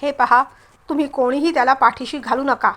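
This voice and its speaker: A woman reading the part of a stern elderly father who scolds slowly and with emphasis, in a storybook reading. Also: high-pitched, steady tone, fairly bright tone. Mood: angry. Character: stern elderly father, quick-tempered head of the family.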